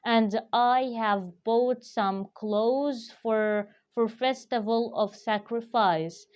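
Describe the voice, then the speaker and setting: Slow careful woman teaching English. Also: a little high, a little mellow, clean tone. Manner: slow, careful explaining with frequent fillers. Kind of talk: vocabulary lesson. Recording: dull lo-fi recording.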